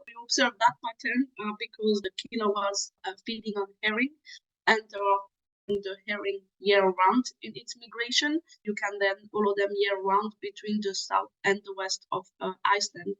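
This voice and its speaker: A young woman from Switzerland, a PhD student, giving methodical explanatory interview answers with frequent small pauses. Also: medium pitch, fairly bright tone, highs cut off.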